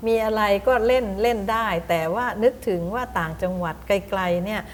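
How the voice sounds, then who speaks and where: A middle-aged woman teacher giving a lecture to other teachers. She explains reading methods, spells words out slowly with demonstrations and often puts questions to her audience. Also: mid-range voice, a little hiss or hum.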